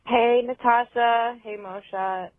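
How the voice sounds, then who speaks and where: A woman caller who sounds hungover, rambling casually and hesitantly with long pauses through a confession. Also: fairly high pitch, fairly even intonation, no room sound. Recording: muffled phone-like voice message.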